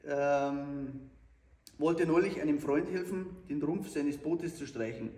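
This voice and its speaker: A man's voice: fairly high pitch, slow, warm tone. A man telling jokes in casual banter as a comedy host. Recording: echoey room, distant mic, faint noise.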